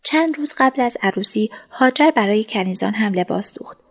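Woman narrator, first-person audiobook, soft and hushed. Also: medium pitch, expressive.

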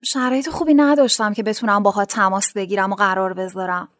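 An actress playing a gentle, earnest young woman in a narrated radio drama, speaking softly and sincerely. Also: medium pitch, fairly even intonation, no echo, studio quality, natural voice.

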